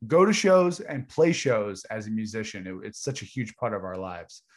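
A man's voice: lowish voice, moderate pace. A man co-hosting a podcast in casual music chat. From Canada. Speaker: podcast co-host.

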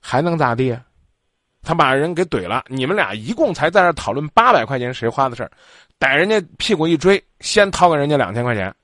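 A man's voice: fairly high pitch, brisk, dry recording, clean studio sound. A man hosting a call-in advice show, talking bluntly and scolding the caller. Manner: blunt, lively, scolding, acts out quotes. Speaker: radio advice show host.

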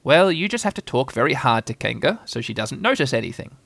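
A man voicing a bossy, brisk, self-important scheming rabbit in a children's storybook. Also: medium pitch, sing-song, gravelly, fairly bright tone, no room sound, full character voice. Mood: brisk, impatient.

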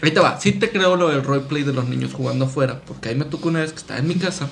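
A man's voice: a little high, racing, creaky, a bit bright, a little hiss or hum. A Mexican man in rowdy casual chat with friends, teasing and emphatic, swearing freely.

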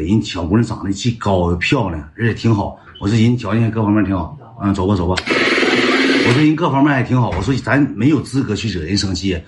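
Fast, lively Northeastern Mandarin man. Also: fairly low pitch, slight background noise. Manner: rambling, repeats himself, keeps addressing listeners as brothers. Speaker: livestreamer telling a personal story. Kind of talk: casual comic storytelling.

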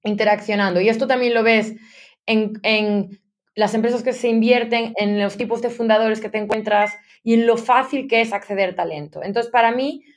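A woman's voice: a little high, steady tone, moderate pace. Spanish woman in her thirties. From Spain. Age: 30s. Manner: chatty, mixes English business terms. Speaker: guest. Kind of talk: conversational interview. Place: London.

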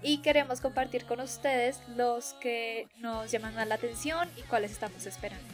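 A woman's voice: a little high, normal speed, over music. A young woman, talking casually as co-host of an anime podcast. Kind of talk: casual chat about anime.

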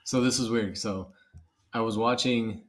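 Male podcast co-host, low-pitched, loose and rambling, quick to laugh. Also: fairly even intonation. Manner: rambling, laughs often, trails off. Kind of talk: casual chat.

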